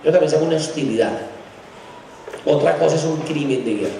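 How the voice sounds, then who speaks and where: A middle-aged man with a Bogotá Colombian Spanish accent gives a conference lecture in a large hall, emphatic and sarcastic, his pitch leaping up to stress points. He talks quickly in a gravelly voice, with background noise present. The recording is echoey and captured from far off.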